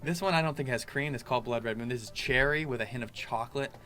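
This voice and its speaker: A man with a mid-pitched voice chats casually through a product review. His delivery is loose and informal, and music is clearly audible behind him. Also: quick pace, pushed and bright. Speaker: pipe tobacco reviewer.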